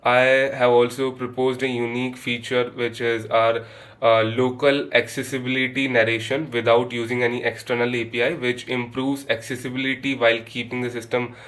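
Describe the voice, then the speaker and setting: Flat-voiced man pitching a project, hesitant. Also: moderate pace. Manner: hesitant, many uh fillers, flat delivery. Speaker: program applicant presenting his proposal.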